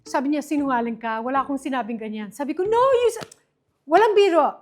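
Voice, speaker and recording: Lively high-voiced woman telling a story. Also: quick pace. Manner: animated, mixes English and Filipino, acts out quoted lines. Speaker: interview guest. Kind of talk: casual interview storytelling.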